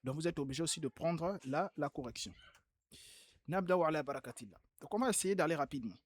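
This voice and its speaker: An Arabic teacher corrects homework aloud in an online class, patiently repeating key points with emphasis. His voice is a little high and fast.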